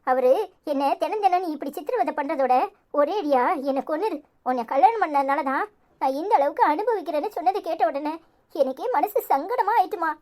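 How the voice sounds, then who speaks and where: A woman's voice: high-pitched, lively intonation, a little fast, a little mellow. A woman voicing an earnest, pleading young married daughter in a cartoon, with a Tirunelveli Tamil accent.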